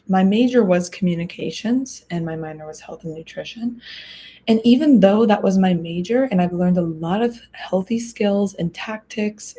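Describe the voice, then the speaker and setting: A young woman in her twenties hosting a podcast, talking through advice in an earnest, reflective way, pausing and restarting as she thinks. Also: medium pitch, mellow. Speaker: podcast host. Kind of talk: casual advice talk.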